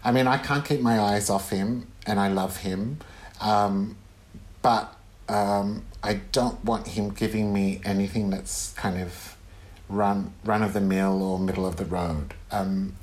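A man who is a guest author on a casual podcast interview, rambling with halting restarts and frequent ums. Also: fairly low pitch, steady tone.

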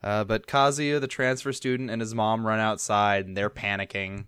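A man's voice: fairly low pitch, fairly even intonation, normal speed, fairly bright tone, smooth, dry recording. Dry-sounding man recapping a show. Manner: recaps plot with hesitant fillers and quoted lines. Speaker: podcast co-host recapping an anime. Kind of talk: casual chat.

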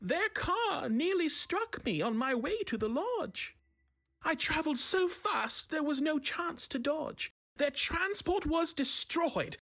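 A man voicing a fair young male elf from the woods who pleads urgently in a strained, high-strung voice over faint music. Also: a bit bright, full character voice.

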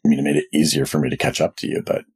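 A man plays a tabletop fantasy field agent, a man who handles things his own way. His voice is extremely low and husky, and his delivery is laconic and unruffled. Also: little pitch movement, racing, a little mellow, exaggerated voice. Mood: matter-of-fact. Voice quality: deep. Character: Vlad, a deep-voiced male field agent, independent and matter-of-fact.

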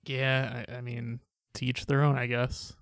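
Deadpan gravelly young man podcast host. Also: medium pitch, measured pace, dry recording. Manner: deadpan, monotone, sarcastic. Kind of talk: casual podcast banter.

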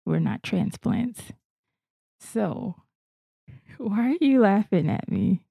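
A woman's voice: mid-range voice, very animated, takes it slowly, creaky, dark tone, slightly rough, no room sound, clean studio sound. A woman from Florida with an American accent, chatting casually as a podcast co-host. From Florida, United States. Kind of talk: casual chat, self-introduction.

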